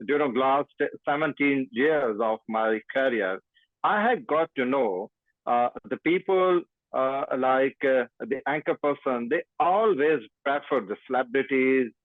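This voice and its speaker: A man from Pakistan with a Pakistani English accent, a guest journalist talking haltingly with many fillers over a remote call. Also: medium pitch, dry recording. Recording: tinny dry phone-like line.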